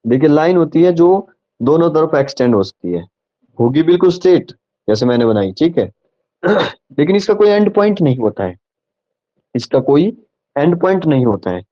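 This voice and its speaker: A man's voice: a little high, sing-song, moderate pace, muffled recording. A man teaching a live online class, repeating points and asking the students if they follow. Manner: patient, repeats and checks understanding. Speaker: online tutor.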